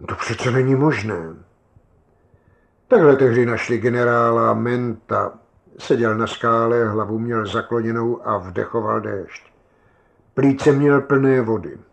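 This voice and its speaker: A man narrating a short story in a measured, calm audiobook reading. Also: mid-range voice, creaky.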